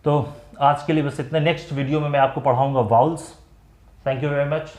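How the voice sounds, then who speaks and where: A young man teaching an exam-prep phonetics lesson. He explains slowly and repeats words and sounds so students can drill the pronunciation. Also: a little high, fairly even intonation, darkish tone. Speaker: English teacher. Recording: echoey room.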